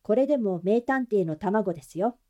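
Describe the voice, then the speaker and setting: A woman's voice: medium pitch, lively intonation, moderate pace, warm tone, highs cut off, lightly acted. A woman voicing a talkative, breezy young male assistant. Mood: chatty.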